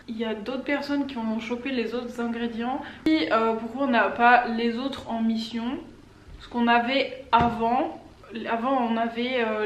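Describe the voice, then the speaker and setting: A young woman chatting casually to camera as a book vlogger, rambling and losing her train of thought now and then. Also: on the high side. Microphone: camera or phone on a stand. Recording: echoey room with faint background noise.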